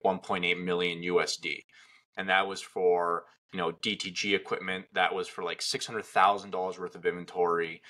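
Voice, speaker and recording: Forceful, bright-voiced male podcast host. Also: deep voice. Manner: animated, filler-heavy storytelling. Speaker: podcast host, equipment seller. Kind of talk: casual business chat.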